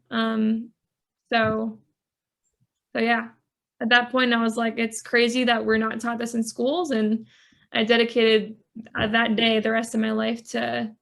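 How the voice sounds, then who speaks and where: A woman with a fairly high, gravelly voice speaks as a life coach on a podcast. She tells her story earnestly, leaning on casual "like" fillers, and her pitch stays flat and level throughout. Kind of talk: podcast interview.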